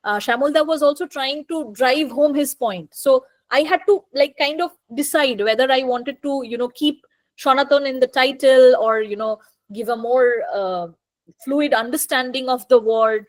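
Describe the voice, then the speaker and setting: A woman with a Bengali accent giving an academic talk, switching between Bengali and English, pausing often to think and restart. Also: high-pitched. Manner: thoughtful, often pauses with fillers and restarts. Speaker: guest lecturer on translation.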